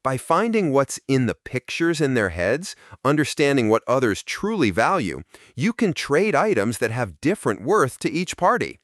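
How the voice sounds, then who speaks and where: A man reading a scripted explanation in an even, explanatory delivery. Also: medium pitch, moderate pace, dry recording, clean studio sound. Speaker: narrator. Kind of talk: scripted narration.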